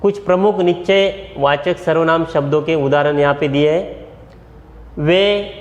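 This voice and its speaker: A male school teacher with a Marathi accent, giving a grammar lesson and repeating each example slowly, step by step. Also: fairly high pitch, muffled recording. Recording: echoey room with long reverb.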